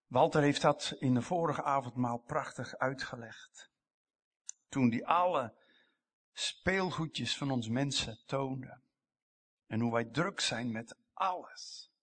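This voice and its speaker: A man delivering a sermon in a slow, deliberate way. His voice is bright and slightly husky, pitched a little high. He swings between emphatic loud lines and hushed whispers. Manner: emphatic, rising to loud passages and dropping to whispers. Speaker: pastor.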